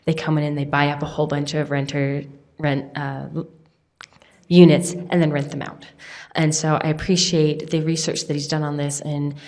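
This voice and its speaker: A woman's voice: low-pitched, a little mellow. A woman with a Utah accent giving public comment at a city council meeting, earnest and a bit rambling. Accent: Utah English.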